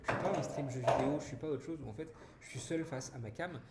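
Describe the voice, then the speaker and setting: A male streamer talks casually to his chat, thanking viewers and reading their messages aloud. He speaks at an ordinary pitch, with frequent restarts and fillers. The sound is roomy and echoey, with loud noise underneath. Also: fast talker. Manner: chatty and warm toward chat, frequent restarts and "voilà". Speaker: streamer hosting an anniversary live.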